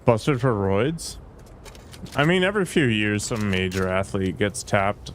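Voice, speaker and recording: A man with a lowish voice muses aloud at a measured pace while streaming a game, his relaxed commentary full of fillers and unfinished thoughts. There's a little hiss or hum on the recording.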